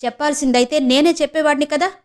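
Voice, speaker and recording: A woman's voice: high-pitched, fast talker, pitched above the performer's own voice, close to an everyday voice. A woman voicing a cold, dismissive young man who answers his mother curtly. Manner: curt, dismissive.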